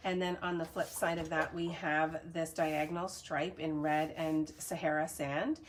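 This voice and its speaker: A woman's voice: low voice, flat delivery, unhurried. An adult woman from Canada, chatting casually through a live cardmaking tutorial, upbeat and reading viewer comments aloud. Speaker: cardmaking demonstrator.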